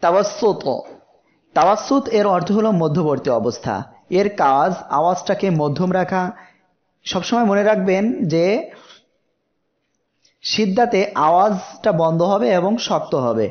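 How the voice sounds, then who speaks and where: High-voiced man teaching letter sounds. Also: highs cut off. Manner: slow explanatory teaching, stretched letter sounds as examples. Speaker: Quran recitation teacher. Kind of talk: tajweed lesson.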